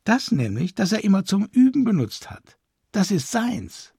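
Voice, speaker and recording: A man reading an audiobook voices a distraught, weepy aristocratic woman with high-strung outbursts. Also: wildly swooping pitch, moderate pace, vocal fry, mellow, breathy edge, no echo, studio quality, exaggerated voice. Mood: agitated. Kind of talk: audiobook character voice.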